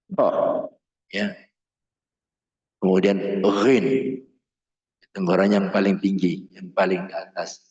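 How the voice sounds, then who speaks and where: A man's voice: sits low, a little mellow. Male recitation teacher, classroom lesson, chants syllable drills, roomy room, dull lo-fi sound. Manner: drills syllables in sung chants, then explains in a plain speaking voice. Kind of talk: classroom lesson on Arabic pronunciation. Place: school classroom. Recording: roomy, muffled room recording.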